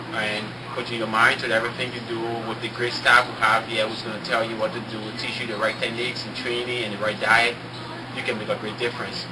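A man's voice: fairly low pitch, distant mic, very noisy. A young man giving an earnest, persuasive testimonial as a gym member, in an indoor gym on a camera mic.

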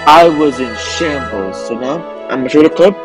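A man's voice: medium pitch, lively intonation, normal speed. A young man narrating a casual voice-over about his game hunting luck. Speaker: gaming YouTuber. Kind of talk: recorded vlog voice-over. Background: background music.

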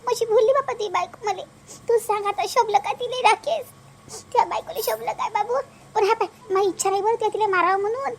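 A woman's voice: extremely high pitch, fairly quick, a little hiss or hum. Woman voicing a nagging old Vidarbha mother-in-law. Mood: complaining. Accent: Vidarbha Marathi. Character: scolding older mother-in-law, complaining about her aches. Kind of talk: cartoon voice acting.

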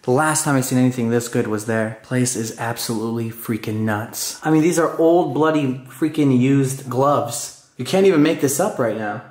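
A young man in his twenties hosting an exploration vlog inside a dark abandoned hospital, talking excitedly and exclaiming at what he finds, recorded on a handheld camera mic. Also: medium pitch, normal speed, few pauses. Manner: excitable, exclaiming, swearing casually. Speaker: urban explorer host.

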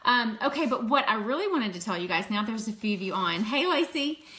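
Her voice runs on the high side, expressive and fairly quick, with a sharp tone, and the recording is rough. She's a woman in her fifties from Louisiana with a mild Southern accent, a makeup seller hosting a relaxed livestream at a table at home. Close to her phone camera, she greets viewers and laughs easily.

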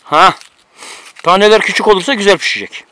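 A man's voice: high voice, fairly quick, pushed and bright, dry recording. A man cooking outdoors on a mountain, giving teasing, bossy instructions to a friend in casual chat, recorded on a camera mic. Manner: bossy, teasing running commentary.

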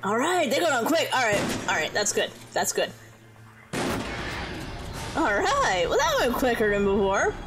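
A woman's voice: on the high side, big pitch swings, noisy background. Woman muttering through a horror game. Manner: muttering to herself, frustrated outbursts and quick recoveries. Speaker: gaming YouTuber. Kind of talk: casual let's-play commentary. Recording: game music behind her voice. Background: game music.

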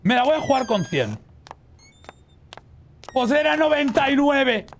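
A man playing a horror game as a streamer, chatting casually with his viewers, swearing and yelling at the scares. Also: very high voice, a little slow, slight background noise. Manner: excitable, swears and shrieks at scares, talks to chat. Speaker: gaming streamer. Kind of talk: casual let's-play commentary.

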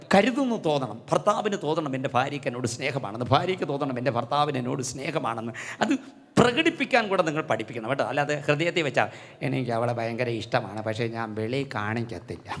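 An older man preaching a charismatic sermon, telling folksy stories and calling the crowd to shout hallelujah. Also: mid-range voice, slightly rough. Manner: rousing, repeatedly calls for loud hallelujahs; storytelling, folksy and conversational. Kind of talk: charismatic sermon with call-and-response. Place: large hall at a gathering. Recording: long hall reverb.

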